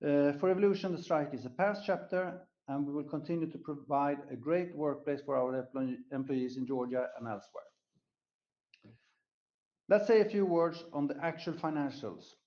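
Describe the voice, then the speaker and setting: A company executive reads prepared remarks on an earnings call, presenting results formally. His voice is fairly high and at normal speed, heard through a conference call line with muffled audio.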